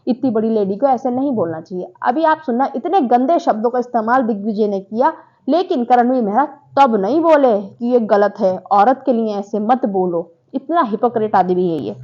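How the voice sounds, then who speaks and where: A woman talks through a reality show episode in casual commentary, slipping into the quoted lines as she tells them. Her voice sits a bit high. The recording sounds dull and lo-fi. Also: normal speed. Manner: animated retelling, acts out quoted lines.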